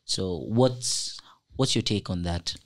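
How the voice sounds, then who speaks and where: Young man, podcast host, lowish voice, playful, joking, studio mic. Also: slow pace. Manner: playful, joking, animated storytelling. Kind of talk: casual podcast hosting. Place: small indoor podcast studio. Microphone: studio microphone on a boom arm.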